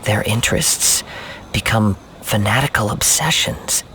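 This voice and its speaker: A man voicing a calm, thoughtful young wandering swordsman in a video game, speaking in a measured, formal and reflective way. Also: on the low side, background noise, close to an everyday voice. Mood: explanatory, serious. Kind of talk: English video game voice acting.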